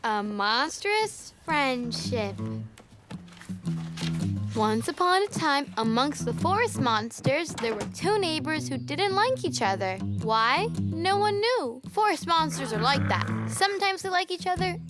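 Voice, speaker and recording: An actor playing a bossy older child who tells a storybook tale to small children in an expressive, dramatic way. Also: high-pitched, a little slow. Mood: storytelling, playful. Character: bossy older girl telling storybook tale to younger kids. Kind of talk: animated storytelling to young children. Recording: music behind the voice.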